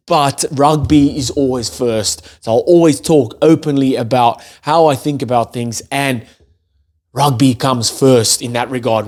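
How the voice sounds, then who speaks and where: This young South African man hosts a rugby YouTube video, hyping up a match to his viewers with enthusiastic, chatty commentary to camera. His South African accent carries an Australian twang, and his mid-range voice is a little mellow.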